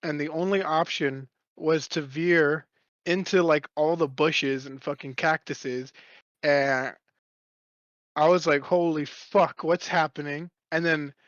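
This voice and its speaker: A man's voice: on the high side, fairly even intonation, slow, a bit bright, no echo, lo-fi sound. Young man telling a rambling, swearing story. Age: young adult. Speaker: podcast co-host. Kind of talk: casual podcast chat.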